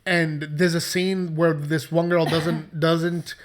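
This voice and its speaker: A man's voice: fairly high pitch, takes it slowly. A man in his thirties co-hosting a comedy podcast, ranting animatedly and swearing freely in casual chat. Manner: animated, profane, exaggerated ranting. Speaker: podcast co-host.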